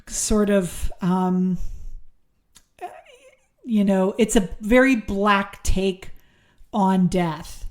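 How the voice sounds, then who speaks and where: A woman hosts a horror movie podcast, giving a casual solo review and news roundup full of ums and restarts. Her medium-pitched voice is warm but a little worn, as she's losing it.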